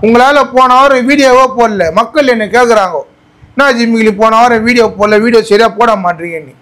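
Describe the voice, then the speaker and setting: A man in a comedy skit, teasing and scolding with quick repeated commands. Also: extremely high pitch, a bit bright. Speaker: comedy video creator.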